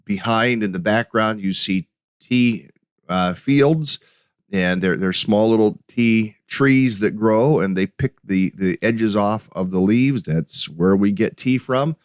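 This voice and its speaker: Middle-aged man, low voice, dry close sound, hesitant podcast host with frequent restarts. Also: slow, dry recording. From United States. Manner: hesitant, many restarts and fillers. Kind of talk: casual solo podcast with slides.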